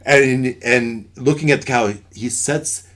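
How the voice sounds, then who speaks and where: A man narrating as game master in a live tabletop game, halting and stammering through his descriptions. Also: medium pitch, fairly even intonation, fairly bright tone. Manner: halting, stammering, many fillers.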